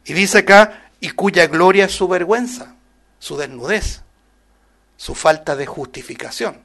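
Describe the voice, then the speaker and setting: Male preacher, high voice, punchy emphatic sermon delivery with rhetorical questions to the congregation. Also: expressive, unhurried. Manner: emphatic, rises loud on scripture quotes, drops soft on asides; addresses listeners as "hermano", many rhetorical questions. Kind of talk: sermon, Bible study.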